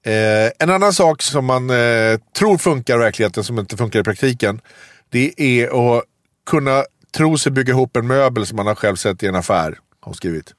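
A man's voice: medium pitch, no room sound. Dry-humored man co-hosting a podcast. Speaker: podcast co-host. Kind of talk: casual chat, reading listener submissions.

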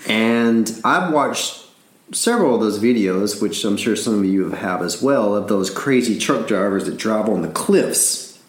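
A man's voice: fairly low pitch, lively intonation, unhurried, echoey room. A man from Alabama with a Southern accent, rambling through a casual story with frequent laughs and repeated words.

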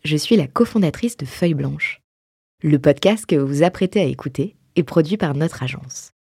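Woman, deep breathy voice, scripted promo read, dry close mic. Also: expressive, normal speed, a little mellow, no echo. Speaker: agency co-founder. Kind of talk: scripted podcast intro.

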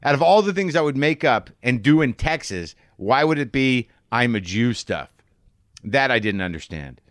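A man's voice: mid-range voice, sing-song, normal speed, no room sound, clean studio sound. Wry, teasing male podcast host. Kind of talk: casual chat. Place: garage studio.

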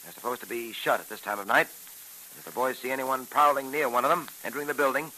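Sharp, commanding American detective hero. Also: male voice, medium pitch, a little fast. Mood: intent, businesslike. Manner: clipped, decisive, commanding. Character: brisk, authoritative male police detective hero. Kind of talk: 1940s radio drama acting. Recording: hissy, noisy old radio recording.

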